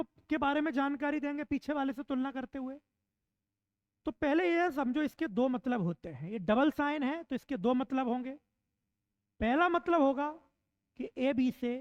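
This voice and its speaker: A woman teacher giving an online exam-prep lecture, asking questions and answering them herself, repeating points slowly to drill them in. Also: sits high, no echo. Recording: dull, slightly lo-fi dry recording.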